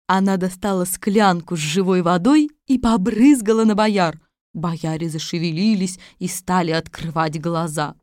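A woman narrating a storybook chapter in a clear, even storytelling manner. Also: on the low side, normal speed, dry recording, clean studio sound.

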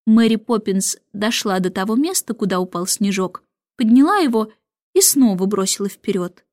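Expressive woman reading a storybook. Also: medium pitch, moderate pace, no room sound, studio quality. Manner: expressive, lively read-aloud. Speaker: narrator.

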